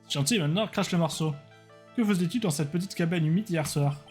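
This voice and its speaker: A man playing a cold, poised prosecutor in a game, measured and formal. His voice sits in a fairly high register and stays icy and controlled. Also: a little mellow, soft background music, lightly acted.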